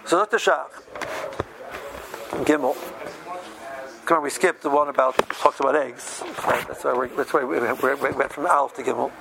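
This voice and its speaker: A man's voice: mid-range voice, fairly even intonation, moderate pace, creaky, long pauses, noisy background. A man giving an informal religious lesson, talking through everyday examples and checking in with short questions. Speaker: religious law teacher.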